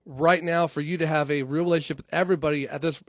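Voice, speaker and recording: A man's voice: on the high side, fairly even intonation, fast, no room sound. A man hosting a comedy podcast, talking in a loose, rambling way and swearing freely. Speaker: podcast host. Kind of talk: casual chat. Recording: dry close studio mic.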